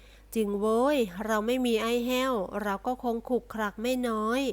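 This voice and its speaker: A woman reads out a cheeky rich young man in a read-aloud story. He jokes around in a slow, playful way on a slightly high pitch. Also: fairly even intonation, natural voice.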